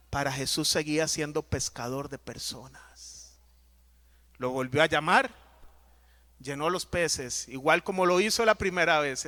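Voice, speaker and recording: A man preaching a sermon as pastor, emphatic and dramatic, swinging between loud and soft. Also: fairly high pitch.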